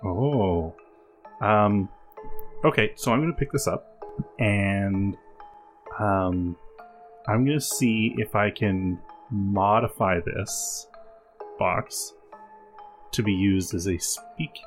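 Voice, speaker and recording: A man's voice: fairly low pitch, slow pace, long pauses, faint music behind. A man playing a tabletop game, talking in an easygoing, jokey way. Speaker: player. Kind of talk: in-character tabletop play.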